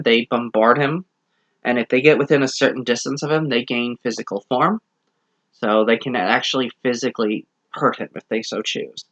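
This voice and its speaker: A man's voice: medium pitch, fairly bright tone. A man giving a casual book review, rambling through the plot and correcting himself as he goes.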